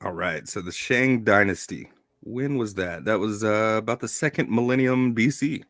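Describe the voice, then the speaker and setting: A man hosting a casual panel discussion, relaxed and thinking aloud between chuckles. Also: lowish voice, normal speed, no echo, studio quality. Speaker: host.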